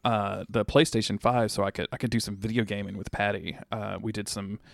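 A man in his thirties co-hosts a podcast in a relaxed, rambling way, swearing freely and leaning on fillers. His voice sits on the low side and is recorded close and dry, with no room sound. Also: fairly quick, gravelly, no echo. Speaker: podcast co-host. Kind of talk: casual chat.

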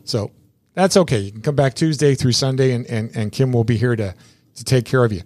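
A man's voice: mid-range voice, fairly quick, a little mellow. A man hosting a casual interview, chatty and rambling, often repeating words as he starts a sentence. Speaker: interview show host.

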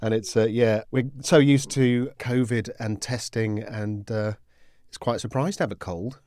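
A man's voice: mid-range voice, fairly even intonation, normal speed, darkish tone, no room sound, studio quality. A man hosting a podcast, chatting casually and reading out listener messages. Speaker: podcast host. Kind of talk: casual interview chat.

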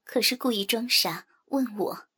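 A woman narrating a story in a soft, breathy, half-whispered voice. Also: a little high, unhurried. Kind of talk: whispered erotic story reading.

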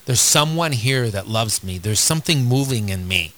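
A man hosting a radio show in casual chat, enthusiastic and quick to laugh, recorded in a studio. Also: mid-range voice, lively intonation, fairly bright tone.

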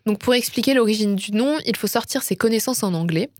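A woman's voice: medium pitch, brisk, no room sound. A woman presenting a culture segment in a casual radio chat, talkative, joking at her own expense and laughing often. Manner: chatty, laughs often, self-mocking. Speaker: culture columnist.

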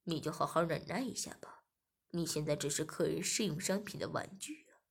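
A woman voicing a smug, domineering adult man in a read-aloud audio story, with a lowered, mocking delivery. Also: fairly quick, gravelly, breathy edge, heavily acted. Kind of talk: erotic audio story reading.

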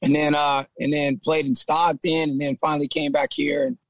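A man from San Jose, a trainer and former football player, telling his story as a guest in a relaxed interview, with frequent "man" and repeated words. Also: fairly high pitch, normal speed, dry recording. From San Jose, California. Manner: laid-back, says "man" often, repeats himself. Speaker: guest, trainer and gym owner. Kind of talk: casual interview chat.

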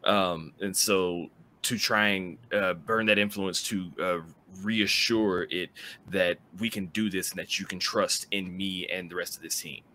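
A man's voice: sits low, steady tone, a little slow, sharp tone, a little hiss or hum. A man playing a tabletop role-playing game, hesitant and full of fillers as he explains what his character does. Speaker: player. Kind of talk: casual tabletop game play.

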